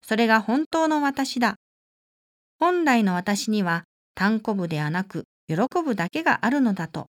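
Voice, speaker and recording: Earnest woman with a higher voice. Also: expressive. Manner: earnest, measured storytelling. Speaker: staff member giving a religious talk. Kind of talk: prepared testimony talk and text reading.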